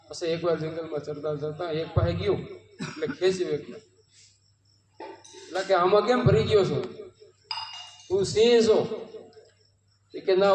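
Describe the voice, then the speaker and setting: A man's voice: high-pitched, darkish tone. A man with a Gujarati accent giving a devotional satsang sermon, telling parables and asking rhetorical questions. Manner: storytelling, rhetorical questions, quoting devotional verses. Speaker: satsang preacher. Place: home courtyard gathering. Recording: roomy, distant mic with long reverb.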